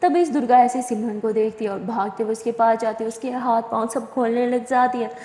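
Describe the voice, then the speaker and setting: Woman storyteller, casual, chatty, fairly high voice, echoey room. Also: steady tone, brisk, mellow. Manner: chatty, corrects herself. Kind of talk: casual spoken narration of a love story. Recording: echoey room with long reverb.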